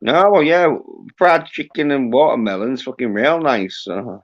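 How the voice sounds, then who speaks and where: Male stream host, mid-pitched, rambling and hesitant, muffled lo-fi mic. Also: lively intonation. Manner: halting, heavy on fillers and restarts. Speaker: livestream host. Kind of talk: casual chat. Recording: muffled lo-fi audio.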